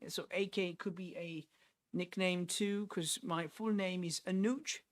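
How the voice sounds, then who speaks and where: Hosting a live trading stream, a young man from Nepal explains his trades and responds to chat, often looping back and restarting phrases as he reasons aloud. His voice is high and steady, and he speaks a little slowly.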